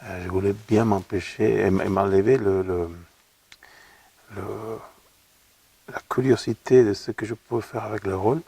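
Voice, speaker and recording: This is an opera singer from Argentina, a middle-aged man, chatting easily as an interview guest in Argentine Spanish. His fairly low, dark voice has a breathy edge, fairly even intonation, and a normal pace broken by frequent pauses. The distant mic picks up no echo, and he thinks aloud, repeating words as he reaches for them.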